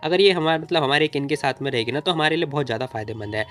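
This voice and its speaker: A man's voice: a little high, racing, a bit bright, soft background music, lightly acted. A man voicing a scheming wealthy businesswoman mother who scolds and gives orders in a storybook recap. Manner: bossy, scolding.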